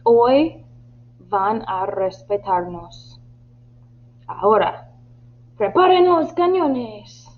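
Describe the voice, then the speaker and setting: Woman reading as a furious captain shouting orders at his crew; lo-fi phone-like sound. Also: mid-range voice, drawn-out words. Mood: commanding. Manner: barking impatient orders. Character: frustrated commanding male ship captain. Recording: tinny lo-fi line with faint hum.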